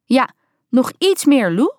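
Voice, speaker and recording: A woman's voice: sits high, sing-song, takes it slowly, a little mellow, no echo, clean studio sound, pitched above the performer's own voice, full character voice. A woman voicing a harried grown mother on a farm, calling out urgent, exasperated instructions while fixing an old van. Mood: coaxing. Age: adult.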